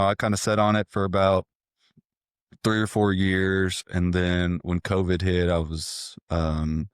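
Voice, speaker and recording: A man's voice: deep voice, clear, resonant tone, no room sound, studio quality. A man in his thirties, a real estate agent, telling his story candidly with frequent hesitations. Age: 30s. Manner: candid, hesitant with many ums. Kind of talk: casual interview.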